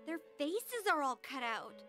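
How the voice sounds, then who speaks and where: A woman voicing a jittery teenage schoolgirl, pitched very high, whose voice leaps up and down as she worries. Eager and easily rattled, she fits a comedic fan film, with faint music underneath. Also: very animated, measured pace, a bit bright, full character voice. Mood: worried.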